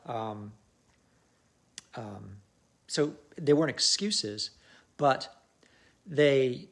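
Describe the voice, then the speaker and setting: Gravelly middle-aged man coaching. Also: mid-range voice, fairly bright tone. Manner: earnest and reflective, with frequent ums. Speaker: life coach. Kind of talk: casual motivational livestream talk.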